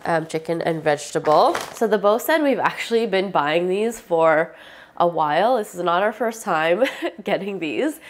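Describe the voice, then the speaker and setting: This young woman's lowish voice sounds congested and nasal because she has a cold, yet her intonation stays lively. She rambles chattily at a normal pace in a casual vlog, leaning on lots of fillers.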